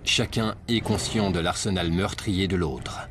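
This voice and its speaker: A man delivering scripted nature documentary narration in a measured, dramatic storytelling manner. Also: low-pitched, a bit bright, a little hiss or hum. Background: prominent music.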